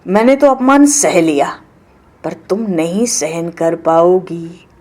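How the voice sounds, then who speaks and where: A woman voicing a calm ascetic male god in a devotional retelling, speaking low, soft and measured. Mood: gently warning.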